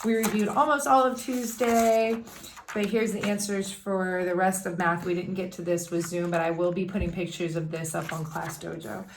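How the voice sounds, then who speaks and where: A woman's voice: on the low side, little pitch movement, normal speed, slight background noise. A woman teacher recording daily instructions for her class, explaining each step patiently and checking in often.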